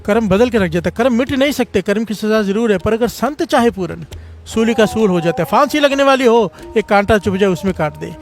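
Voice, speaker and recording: A man delivers a devotional sermon in a high voice, weaving a story between refrains the congregation answers. Soft music plays faintly underneath. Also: expressive, a little fast. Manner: calls out refrains for congregation response. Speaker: preacher.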